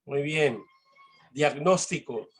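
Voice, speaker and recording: A man's voice: a little high, slow pace, husky. A man moderating a spelling contest, reading out single words for contestants.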